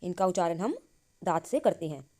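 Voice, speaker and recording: A woman's voice: on the low side, sing-song, a little mellow. A woman teaching a grammar lesson, asking questions and answering them herself, drawing out each syllable as she reads it. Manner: slow, drawn-out reading of syllables. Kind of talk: Sanskrit grammar lesson explained in Hindi.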